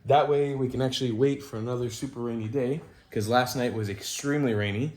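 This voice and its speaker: A young man casually narrating a vlog, explaining repairs and chores. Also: a little fast. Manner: loud pitched-up dog commands; relaxed explaining tone. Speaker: vlogger.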